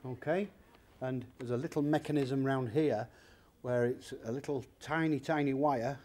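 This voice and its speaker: This secondhand shop owner in his fifties has a mid-range, darkish voice with fairly even intonation and a moderate pace. Chatty and plain-spoken, he's interviewed in a large indoor used-furniture warehouse, showing old items and breaking down their prices step by step.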